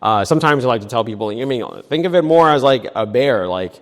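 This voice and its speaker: A man's voice: medium pitch, animated, fast talker, long reverb tail. Laid-back man with lots of fillers. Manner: rambling, many fillers and restarts, laughs easily. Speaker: marine biologist guest. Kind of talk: casual interview.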